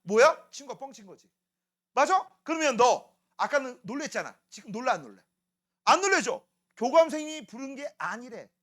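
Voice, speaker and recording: A man's voice: extremely high pitch, big pitch swings, a little fast, a bit bright. A man teaching a middle school science class, joking and teasing students and constantly asking if they follow. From South Korea.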